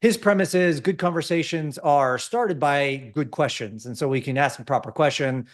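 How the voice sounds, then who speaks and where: A man's voice: fairly high pitch, normal speed. A man hosting a podcast interview, chatty and enthusiastic. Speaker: podcast host.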